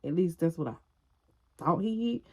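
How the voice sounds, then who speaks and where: A young adult woman telling a personal story to her viewers in a casual, animated way, swearing freely and calling out to the audience. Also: fairly low pitch, moderate pace, husky. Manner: animated, frank storytelling with profanity, addressing viewers. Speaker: vlogger.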